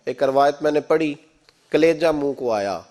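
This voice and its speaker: A man's voice: lively intonation, a little mellow. A man preaching a sermon, passionate, asking the listeners rhetorical questions and rising sharply in force. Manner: impassioned, rhetorical questions, sudden rises in pitch and force.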